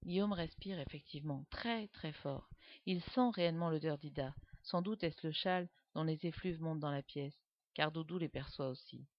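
A woman reads a storybook aloud, her lowish voice expressive and animated. The recording is dull and lo-fi, with a dry, close sound and no room around it. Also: normal speed, no echo. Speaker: reader. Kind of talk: storybook narration.

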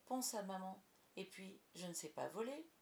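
A woman's voice: medium pitch, animated, normal speed, darkish tone, close to an everyday voice. A woman voicing an eager, dreamy young girl who exclaims and pleads, in a roomy recording. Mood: pleading. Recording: roomy echo.

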